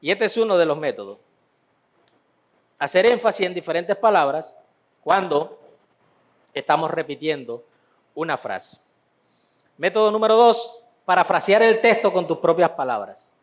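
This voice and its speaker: High-voiced man teaching a Bible class. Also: animated, normal speed, long pauses. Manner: conversational, repeats phrases for emphasis.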